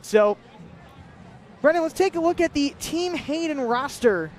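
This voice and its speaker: A man calling a celebrity softball game and home run derby live as play-by-play announcer, with lively calls and chatty asides. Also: extremely high pitch, a little slow. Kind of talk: live sports commentary.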